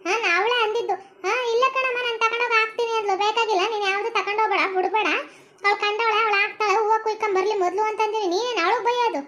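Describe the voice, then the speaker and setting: A woman acts out a domineering older mother-in-law in a comedy skit, scolding her family in a North Karnataka Kannada accent. The voice sits very high and sounds bright and sharp. She talks fast. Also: steady tone. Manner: bossy, scolding.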